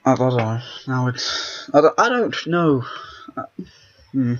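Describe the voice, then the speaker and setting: Very animated but measured in pace, this man's mid-range, fairly bright voice drifts through casual gameplay commentary, full of self-interruptions. The let's play audio sounds dull and lo-fi.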